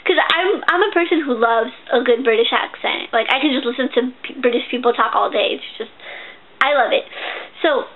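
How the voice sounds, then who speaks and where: A woman's voice: on the high side, steady tone, normal speed. A young woman casually reviewing a book, chatty and gushing, with lots of fillers and restarts. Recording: tinny, phone-like sound.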